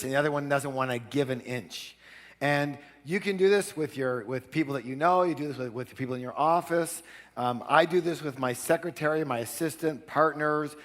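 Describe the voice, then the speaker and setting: A man giving an energetic live seminar talk, drawing call-and-response from the audience. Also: fairly high pitch. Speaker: seminar speaker. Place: large seminar hall. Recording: long hall reverb.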